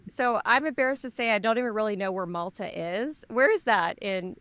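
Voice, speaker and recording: A woman's voice: medium pitch, animated, a little fast, fairly bright tone, dry recording. A woman hosting a podcast, chatty and enthusiastic, asking long, rambling questions. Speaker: podcast host. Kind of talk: casual interview chat.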